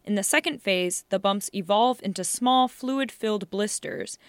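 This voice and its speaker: A woman co-hosting a podcast, reading scripted narration in a measured, deadpan manner. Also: mid-range voice, no echo. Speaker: podcast co-host.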